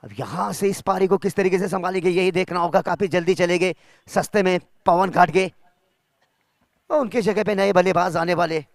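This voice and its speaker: High-voiced male cricket commentator. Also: steady tone, moderate pace, creaky, no echo, studio quality. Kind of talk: live cricket match commentary.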